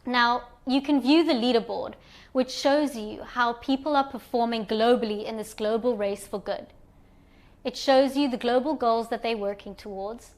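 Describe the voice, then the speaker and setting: A woman with a slightly high voice, from Zimbabwe, presenting an online platform. She explains each screen calmly and in order, as a guided walkthrough for new users. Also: moderate pace. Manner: calm step-by-step explaining.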